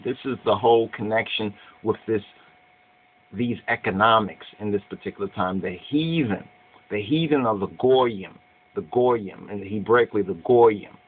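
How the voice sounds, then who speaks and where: A middle-aged man with a lowish, breathy voice preaches at a moderate pace, reading scripture and commenting on it in Rasta speech. He says "I and I" and "Jah," repeats phrases emphatically, and keeps checking "you understand." It's recorded on a webcam with a thin, phone-like sound in a small, cluttered room.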